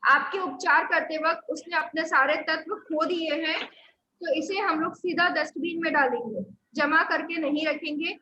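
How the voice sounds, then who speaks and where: A woman with a high, sharp-toned voice teaches a live online Sujok acupressure class at a moderate pace. She patiently gives step-by-step instructions and repeats key points, in a reverberant, muffled recording with a little hiss or hum.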